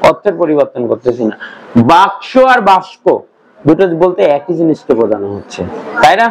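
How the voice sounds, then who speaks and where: A man's voice: fairly high pitch, sing-song, fast, darkish tone, breathy edge, poor audio. A young man teaching a grammar class, lecturing and quizzing his students with repeated questions.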